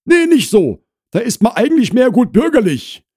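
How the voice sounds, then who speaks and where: A man puts on a shrill woman in her fifties who is easily put out. Her voice sits high and loud, swooping up in indignant bursts. It sounds dry and close, like a comic audiobook. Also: sing-song, moderate pace, husky, no room sound, exaggerated voice.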